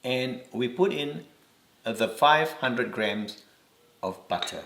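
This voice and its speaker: A man's voice: mid-range voice, lively intonation, fairly bright tone, roomy sound, slight background noise. A man from Singapore with a Singaporean accent, giving patient step-by-step instructions in a home cooking demonstration. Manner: slow, patient instructions with repeated reminders.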